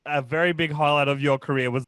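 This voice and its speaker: A man hosting a casual podcast interview, asking questions with quick, encouraging affirmations. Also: a little high, steady tone, fairly bright tone, clear, resonant tone, dry recording. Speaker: podcast host.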